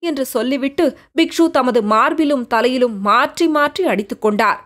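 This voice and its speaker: A woman narrating a novel as an audiobook, in a measured, dramatic style. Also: sits high, fairly bright tone.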